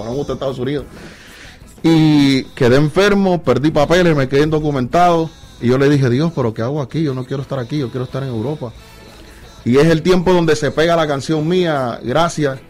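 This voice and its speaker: A man, a guest musician, telling a lively personal faith story in a casual interview, acting out dialogue as he goes. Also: fairly high pitch. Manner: animated storytelling, acts out dialogue with God.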